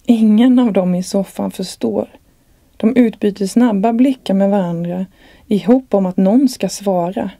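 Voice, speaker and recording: A woman, the author, reading aloud from her own novel in a calm, measured way. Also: mid-range voice, no room sound.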